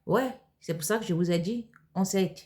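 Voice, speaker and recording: A woman's voice: mid-range voice, normal speed, a little mellow. A woman from Cameroon, talking casually in a vlog and answering viewer questions in a hesitant way, with many fillers and restarts. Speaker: vlogger.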